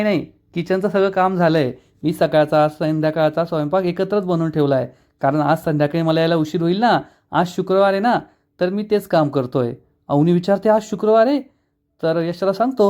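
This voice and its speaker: A man's voice: fairly high pitch, a little mellow. Man retelling a serial episode. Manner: switches quickly into voicing each character's lines. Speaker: serial episode recap narrator. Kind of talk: retelling a TV episode, acting out the lines.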